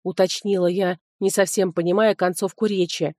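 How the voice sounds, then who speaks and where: A woman reading a first-person fantasy audiobook in a lively, expressive way, close to the mic. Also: fairly low pitch, normal speed, no room sound. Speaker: audiobook narrator.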